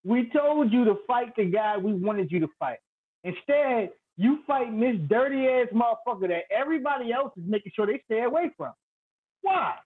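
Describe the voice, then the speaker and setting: A man calling in over a crackly, staticky phone line, talking in an animated, playful, trash-talking way. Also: very high voice, moderate pace. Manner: animated, loud and playful, vivid street storytelling. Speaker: guest predicting a boxing fight. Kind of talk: casual trash-talking chat. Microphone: cheap phone.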